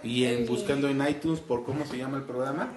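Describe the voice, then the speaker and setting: A woman's voice: rumbling low, steady tone, fairly quick, a little mellow. A woman hosting a podcast, patiently asking children about a storybook and often ending with a tag question. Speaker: host of a children's book podcast. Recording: roomy echo with faint noise.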